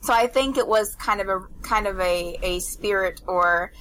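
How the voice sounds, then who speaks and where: A woman in casual chat, explaining at length in a halting way with many fillers. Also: mid-range voice, fairly bright tone, a little hiss or hum, poor audio. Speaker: co-host of a game discussion stream.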